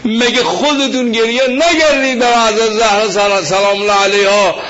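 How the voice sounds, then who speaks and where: A male cleric delivering a fiery religious sermon, impassioned and quoting scripture, rising to shouts. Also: high-pitched, fairly even intonation. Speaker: cleric preacher. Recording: dull lo-fi sound with faint noise.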